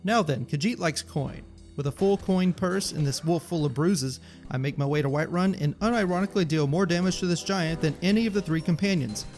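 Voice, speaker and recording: A man's voice: on the high side, brisk, a little mellow, soft background music. A man narrating his gameplay in a scripted commentary, with wry, joking asides. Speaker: gaming YouTuber.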